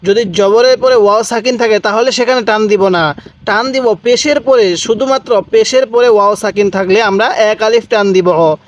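A man with a Bangladeshi Bengali accent teaching Quran pronunciation, slowly spelling out and repeating each syllable for learners. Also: high-pitched. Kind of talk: slow step-by-step pronunciation lesson.

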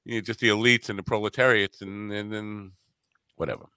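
A man's voice: lowish voice, fairly even intonation, brisk, sharp tone, clean tone, dry recording. A man hosting a casual panel show, rambling and joking with some profanity. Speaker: host.

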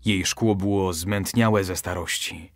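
A man reading a bedtime story aloud as scripted narration, expressive and dramatic. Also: unhurried, no room sound, studio quality. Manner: expressive, with lively shifts in pitch.

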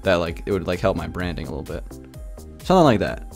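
A young man chatting casually on a gaming livestream, rambling with lots of "like" and ranting in an animated way. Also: low voice, quick pace, vocal fry, soft background music. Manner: rambling, heavy use of filler "like", animated ranting.

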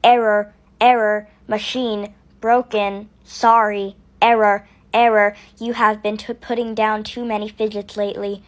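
A woman voicing a broken toy machine that chants error messages in a flat monotone. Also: mid-range voice, a little slow, few pauses, voice pushed down, natural voice. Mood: robotic.

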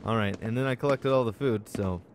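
Relaxed male game streamer. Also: on the low side, fairly quick, background noise. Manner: relaxed, trips over words while reading. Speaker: gaming streamer. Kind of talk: casual let's-play commentary and reading aloud.

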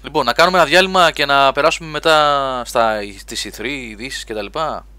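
A man hosting a live gaming webcast, chatting lively and reading listener questions aloud. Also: mid-range voice, clear, resonant tone, no echo. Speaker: podcast host.

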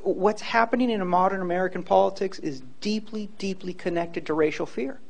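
A man's voice: sits high, fairly quick, creaky. A man in his fifties giving a public lecture and taking questions on a handheld microphone, earnest and emphatic, often repeating words as he starts a point. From Hawaii. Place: large lecture hall, indoors.

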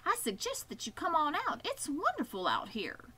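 A woman reading aloud, voicing a fast-talking female goose who repeats her words. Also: high voice, huge pitch swings, bright, forceful tone, pitched above the performer's own voice, full character voice. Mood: chattering. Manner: repeats words, chattering quickly.

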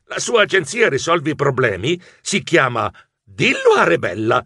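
A man narrating a children's audiobook in first person as a nervous mouse writer, in an expressive storytelling voice. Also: on the high side, normal speed, gravelly, breathy edge, dry recording, studio quality.

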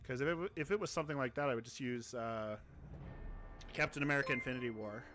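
Wearing a headset in his home streaming room, a young man rambles casually while streaming a mobile game and laughs at himself. His mid-range voice is quick, pushed, and bright, with faint music behind.

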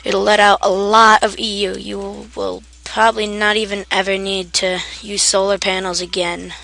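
In a relaxed game tutorial, a woman with a bright, gravelly, mid-range voice explains a video game setup at normal speed and with a flat delivery. She sounds sleepy and rambling, fumbling words and brushing off her errors with laughter as a keyboard clicks nearby.

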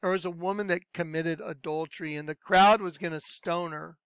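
A man's voice: on the high side, fairly even intonation, moderate pace, a bit bright, smooth, no echo. A man earnestly telling his personal story as a religious testimony, often acting out what people said. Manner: earnest, acts out quoted dialogue.

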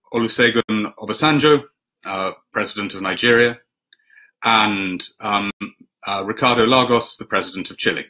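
A middle-aged man from Finland moderating an online panel over a video call, measured and steady with frequent 'uh' and 'um'. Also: fairly low pitch. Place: home room, indoors.

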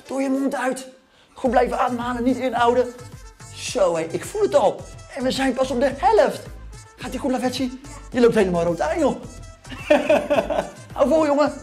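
A man's voice: extremely high pitch, lively intonation, moderate pace, darkish tone, faint music behind. A man in his thirties coaching a children's home workout, cheering them on and counting down reps while exercising himself and a little out of breath. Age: 30s. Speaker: fitness coach for kids. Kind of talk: energetic workout instruction. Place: gym.

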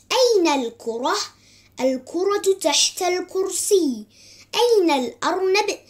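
A woman giving a vocabulary lesson, patiently drilling words in question-and-answer form. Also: very high-pitched. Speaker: teacher.

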